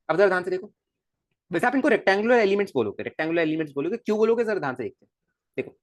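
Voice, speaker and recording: Animated male physics teacher, dry room. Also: high-pitched, no echo. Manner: animated, coaxing, repeats questions to students. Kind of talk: recorded classroom lecture.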